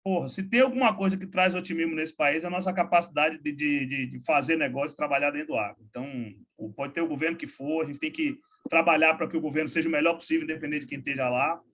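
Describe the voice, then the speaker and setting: A man talks as a lively interview guest. His voice sits a little higher than most men's, and his speech is casual and full of slang. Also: quick pace, few pauses. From Salvador, Bahia, Brazil. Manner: energetic, informal, frequent slang. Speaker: guest, logistics startup founder. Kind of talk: relaxed interview talk.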